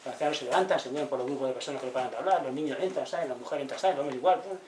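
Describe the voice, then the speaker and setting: Man giving a lively talk in an echoey hall. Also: medium pitch, racing, a little hiss or hum. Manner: lively storyteller acting out quoted villagers. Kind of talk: public talk, anecdotal lecture. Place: squatted social centre hall. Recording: echoey room, voice from far off.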